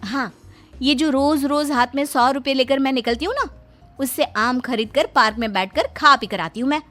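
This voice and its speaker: Cartoon daughter-in-law, young and sly, whiny, bright high voice , voiced by a woman. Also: expressive, normal speed, soft background music. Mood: cheeky. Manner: coaxing, whiny over mangoes. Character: young mango-loving daughter-in-law, cheeky.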